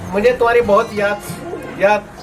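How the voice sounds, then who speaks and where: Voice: medium pitch, fairly even intonation, slow, far from the mic, over music, low-quality recording. A man putting on the voice of a cheerful little friend talking on the phone, giggly and affectionate.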